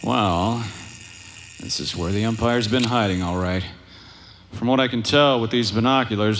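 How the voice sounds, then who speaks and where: A man's voice: lowish voice, a bit bright, a little hiss or hum, natural voice. A man playing a cocky, impatient smuggler pilot with a wry, sarcastic, offhand delivery in a live space-opera audio drama. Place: live convention stage.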